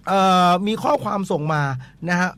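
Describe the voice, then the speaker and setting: Man, radio call-in host, fairly high voice, chatty and animated, lots of repeated words. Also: normal speed. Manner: chatty, animated, many repetitions and fillers. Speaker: radio ghost-story show host. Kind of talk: casual call-in chat.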